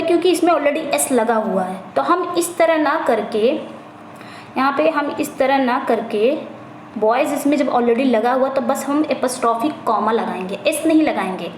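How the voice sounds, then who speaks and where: A woman with a high voice teaches an exam-prep lesson. She reads each English question out slowly, then explains it in Hindi, repeating phrases as she goes. The recording is roomy and echoey, with a faint hiss behind her. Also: a little mellow. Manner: repeats phrases, corrects herself. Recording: echoey room, faint background noise.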